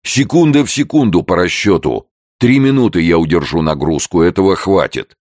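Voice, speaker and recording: A man voicing an excited young male engineer who shouts a countdown and reports from a screen in a storybook reading. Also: sits low, very slow, no room sound, studio quality, pitched above the performer's own voice, full character voice. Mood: excited shouting. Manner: shouting, eager.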